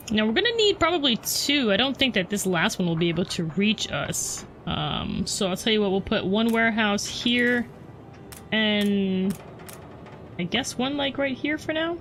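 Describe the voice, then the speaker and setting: A woman's voice: fairly high pitch, a bit bright, a little hiss or hum. A woman hosting a let's play, chatting casually to her viewers and teasing herself about her mistakes. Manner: chatty, self-deprecating, talks to viewers. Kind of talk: casual gameplay commentary.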